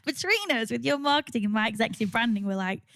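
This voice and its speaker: A woman co-hosting a podcast in casual chat, lively and teasing. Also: on the high side, dry recording. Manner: lively, quick to laugh, teasing. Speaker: podcast co-host.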